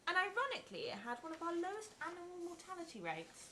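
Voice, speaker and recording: At a live sitcom table-read, a woman with a very high voice talks fast, playing a dry-witted investigator with deadpan delivery and also reading the stage directions. Faint noise from the live theatre can be heard.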